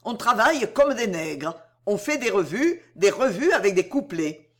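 A woman reading as a teasing young man, quick-witted and easily vexed, in a storybook reading. He sounds sarcastic and mock-weary, with a lively up-and-down melody. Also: mid-range voice. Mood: mock-weary irritated.

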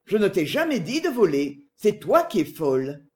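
A reader voicing a calm, enigmatic man who speaks softly and insinuatingly, in an audiobook. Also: sits high, moderate pace. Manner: soft-spoken, calm, insinuating. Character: calm, enigmatic man, a gently scheming brother. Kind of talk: audiobook dialogue.

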